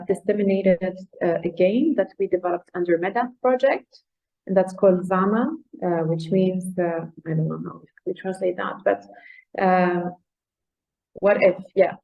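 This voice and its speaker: A woman's voice: fairly low pitch, vocal fry. A woman giving an informal webinar presentation, hesitant and often searching for words. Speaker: project presenter. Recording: dull lo-fi webinar audio.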